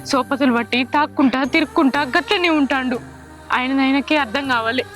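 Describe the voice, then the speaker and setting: A woman's voice: sits high, a little fast, a bit bright, faint music behind. A woman playing a caring Telangana daughter-in-law. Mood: soothing. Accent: Telangana Telugu. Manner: pleading, reproachful. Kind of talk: village short film acting.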